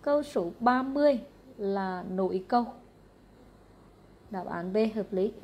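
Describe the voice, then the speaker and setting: An English teacher with a Vietnamese accent runs quickly through exam answers question by question, staying matter-of-fact and repetitive. She speaks in an animated, mellow, mid-range voice.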